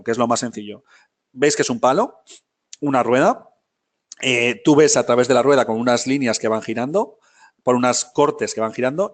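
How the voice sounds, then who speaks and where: A man teaching a film history class live, talking casually, often checking in with his students and correcting himself as he goes. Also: mid-range voice. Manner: many fillers and self-corrections.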